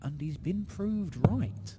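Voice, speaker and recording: A man's voice: high voice, slow pace. A man giving live darts commentary with conversational analysis of the players and the play. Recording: clearly noisy live sports broadcast.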